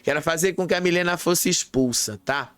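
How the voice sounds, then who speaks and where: A man's voice: a little high, fairly quick, fairly bright tone, smooth, no room sound, faint music behind. A man casually recapping reality show gossip, chaining events together and checking in with the listener. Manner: chatty, strings events with "aí" and checks in with "tá?".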